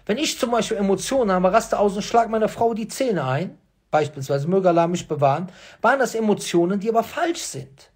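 High, husky-voiced man arguing insistently. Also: lively intonation, brisk. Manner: insistent, rhetorical questions, repeats key phrases. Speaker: host. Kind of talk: emphatic monologue addressing viewers.

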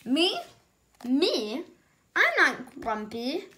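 A woman's voice: high-pitched, sing-song, extremely slow, sharp tone, full character voice. A woman voicing a grumpy male monkey in a storybook reading, insisting he is not grumpy and sighing. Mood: indignant.

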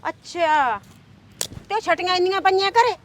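A woman with an extremely high voice, speaking at normal speed over a slight hiss or hum, performs a village drama role. She is a scheming middle-aged aunt who nags, coaxes and causes trouble, all in a loud, wheedling tone.

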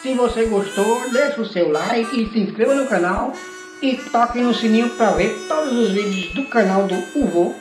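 A man hosting a horror game let's play, excitable and exclamatory, talking himself through each move. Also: high voice, moderate pace, roomy sound, music in the background, rough recording. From Brazil. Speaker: gaming channel host.

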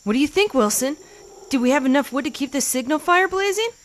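A woman's voice: high-pitched, animated, quick pace. A woman playing a sarcastic stranded castaway who talks to her volleyball companion. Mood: excited.

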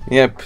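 A native Hebrew speaker in his thirties, with an Israeli accent, live-streams a video game and chats casually with his viewers in a mid-range voice.

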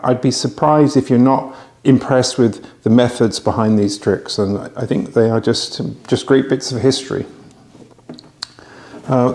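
With a warm, mid-range voice and a roomy sound, a middle-aged man talks casually to camera while hosting a magic auction. Wearing a lapel mic in his home bar room, he pitches chattily, stumbling through fillers and restarts.

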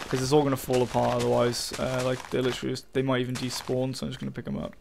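A man's voice: medium pitch, completely flat delivery, racing, vocal fry, noisy background. A young man giving casual, frustrated commentary while playing a game, swearing often and talking to his viewers. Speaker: gaming channel host.

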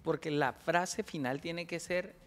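Bright-voiced Colombian comedian. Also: male voice, on the high side, measured pace, big-room sound, soft background music. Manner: animated joke-telling, acts out voices. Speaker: comedian and show host. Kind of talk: casual chat.

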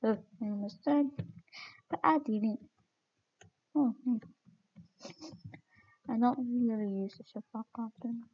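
A woman's voice: a little high, slow, long pauses, slightly rough, highs cut off. A woman streaming her gameplay, chatting casually and mocking herself with giggles as she plays.

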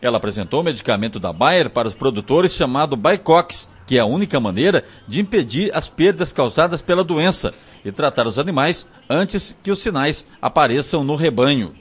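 A man's voice: fairly high pitch, lively intonation, a little fast, breathy edge. A man narrating a local news report in a formal reporting tone.

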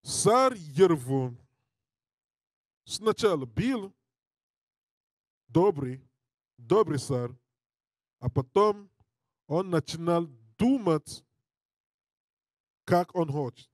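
A man preaching and reading scripture in non-native Russian with a foreign accent, halting and repeating his phrases. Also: on the high side, big pitch swings, no room sound, clean studio sound. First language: not a native Russian speaker. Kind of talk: Bible teaching with scripture reading. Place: indoor studio with draped backdrop. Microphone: handheld mic held close.

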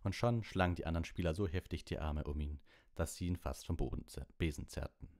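A man narrating a storybook aloud, reading in a lively way and acting out the dialogue. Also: very deep voice, a little fast. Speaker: audiobook narrator.

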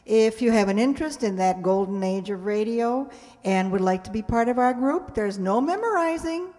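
Her voice sits on the high side, expressive and mellow, at an ordinary pace as this sixty-something member of a radio players group closes the show with semi-scripted thanks and announcements. She speaks into a stand mic on a community hall stage, filmed by an audience camera, with an echoey hall sound.

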